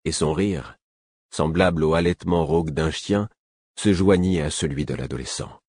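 A man reading a first-person novel as an audiobook narrator, in a measured, even storytelling manner. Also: very deep voice, breathy edge, no echo, studio quality.

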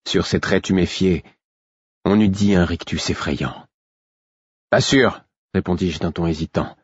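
A man narrating a first-person audiobook in a steady, measured way. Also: deep voice, husky, no room sound, muffled recording.

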